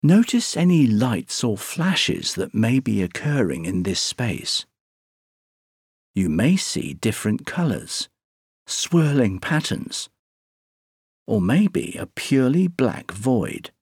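A man slowly guiding a sleep meditation, counting breaths in a soothing, drawn-out way with long pauses. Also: medium pitch, sing-song, a little mellow, slightly rough, no echo, clean studio sound. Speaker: meditation guide.

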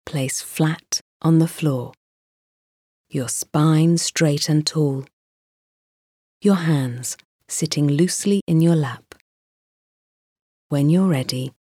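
A woman guiding a mindfulness meditation in a slow, soft, soothing voice with pauses. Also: sits low, slightly rough, no echo. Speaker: meditation guide.

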